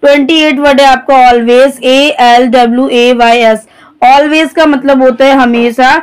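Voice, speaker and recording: A woman's voice: sits high, fairly even intonation, measured pace, clear, resonant tone. A woman teaching English vocabulary, spelling each word letter by letter and then explaining its meaning. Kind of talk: vocabulary lesson, spelling out words.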